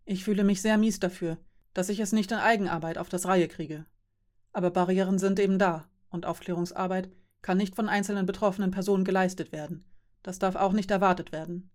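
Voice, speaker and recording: A woman voicing a patient, weary fairy who explains things in a calm, measured way. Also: mid-range voice, close to an everyday voice. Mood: resigned.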